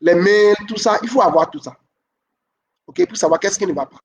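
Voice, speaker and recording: A man's voice: high-pitched, moderate pace, distant mic, highs cut off. A man giving a relationship coaching talk, repeating his main points and checking in with the listeners. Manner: repeats key points, asks "ok?" often. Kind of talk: teaching talk.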